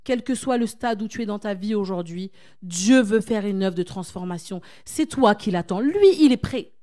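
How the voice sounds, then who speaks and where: A woman with a warm, expressive, mid-range voice speaks at a moderate pace. Coaching at a church conference, she encourages her listeners with exhortation, repeated phrases and questions aimed at the audience.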